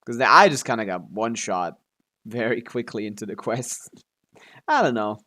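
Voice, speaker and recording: Swearing plenty, a male streamer grumbles and rambles in casual chat with viewers as he plays a video game live. His voice is lowish, animated, pushed and bright. He talks at a normal speed.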